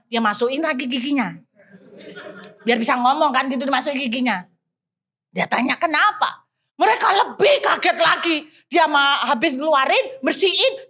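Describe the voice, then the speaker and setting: Woman pastor, high-pitched, animated storyteller who drops in English phrases. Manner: animated, addresses the congregation often, mixes in English phrases. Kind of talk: sermon storytelling.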